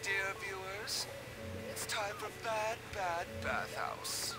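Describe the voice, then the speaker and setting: A man's voice: sits high, takes it slowly, over music. An actor voicing a teenage boy putting on a campy, flamboyant TV host act in a video game. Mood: campy, showy. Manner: campy, teasing, showy sing-song delivery.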